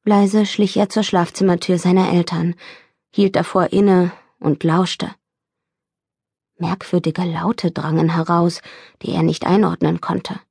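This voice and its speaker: A woman reading an audiobook in steady, measured scripted narration, recorded close in a studio. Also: lowish voice, vocal fry, breathy edge, no room sound. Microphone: studio microphone, close.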